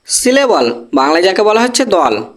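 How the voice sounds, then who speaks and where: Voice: medium pitch, very animated, normal speed. A teacher giving a grammar lesson, patiently repeating example words syllable by syllable and often checking that students follow. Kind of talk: Bengali-language English grammar lesson.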